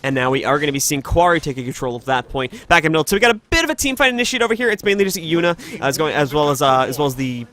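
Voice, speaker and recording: A man casting an esports match, giving brisk play-by-play and announcements to viewers. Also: fairly high pitch, big pitch swings, bright, forceful tone. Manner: rapid, announcer-like hype. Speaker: esports caster. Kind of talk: play-by-play commentary.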